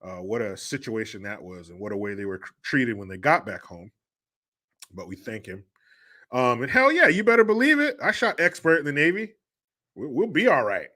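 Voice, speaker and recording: A man's voice: medium pitch, sing-song, normal speed, sharp tone. A man hosting a casual live stream, bantering loosely with viewers and swearing freely. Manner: laid-back, profane banter.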